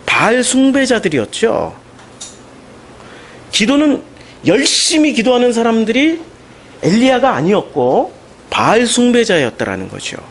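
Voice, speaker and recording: A man preaching a Sunday sermon as pastor, animated and emphatic, with questions put to the congregation. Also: very high voice, a little hiss or hum. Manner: animated, rising into emphatic questions and mocking quotes.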